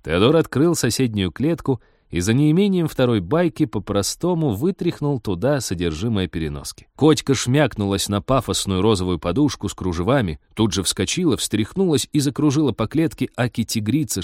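A man narrating a humorous story in a measured, wry audiobook reading. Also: lowish voice, expressive, darkish tone, no echo, clean studio sound.

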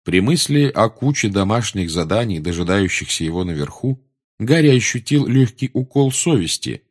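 A man reading a story aloud with expressive, lively delivery. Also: on the low side, normal speed. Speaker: audiobook reader.

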